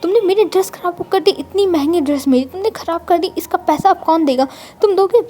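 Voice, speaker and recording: Lady doing a snooty rich girl, contemptuous and angry, high voice, mellow tone. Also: a little fast. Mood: furious. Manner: shrill, contemptuous. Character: snobbish, furious rich young woman.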